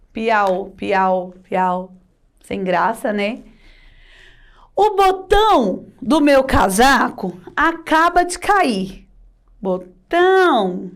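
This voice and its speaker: A woman teacher with a Brazilian Portuguese accent, giving a children's video lesson with a sing-song reading of example sentences and slow, drawn-out pronunciation of words. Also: on the high side.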